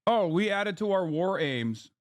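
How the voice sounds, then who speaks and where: A man's voice: sits high, lively intonation, unhurried, no echo, studio quality. A man who grew up in Turkey, reacting to news clips on his live stream in a heated, sarcastic and profane way.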